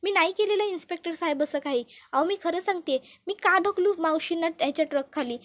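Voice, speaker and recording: A woman's voice: extremely high pitch, brisk, pitched above the performer's own voice. A woman voicing a young woman who protests that she is wrongly accused, in a TV serial retelling. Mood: protesting. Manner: protesting, defensive.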